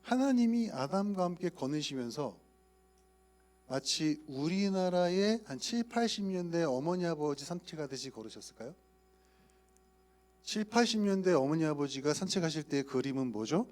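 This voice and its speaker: A man's voice: on the high side, animated, moderate pace, darkish tone. A male youth pastor giving a playful sermon, often asking his listeners questions. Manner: playful, asks the audience questions. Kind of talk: sermon to young adult leaders.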